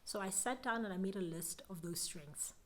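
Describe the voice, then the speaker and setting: A woman's voice: mid-range voice, moderate pace. A young South African woman with a South African accent, giving an earnest, reflective motivational talk to camera about business. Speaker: business vlogger.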